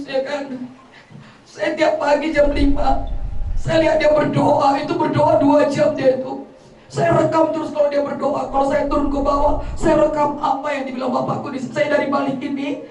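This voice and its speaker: At a funeral gathering, a daughter gives a eulogy, a middle-aged woman from North Sumatra recounting heartfelt family stories and quoting her relatives. Her high voice is a little mellow. The room echoes, she's far from the mic, and there's some faint background noise.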